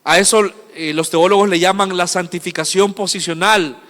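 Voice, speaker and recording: A man preaching a sermon with passion, moving between hushed asides and loud, emphatic lists. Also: high-pitched, fairly even intonation, moderate pace, big-room sound. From El Salvador.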